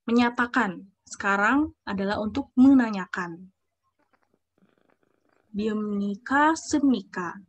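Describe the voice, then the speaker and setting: A young woman teaching a language class over a video call. She explains step by step, checks often whether students follow, and reads out example phrases. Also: medium pitch. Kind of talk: online class lesson.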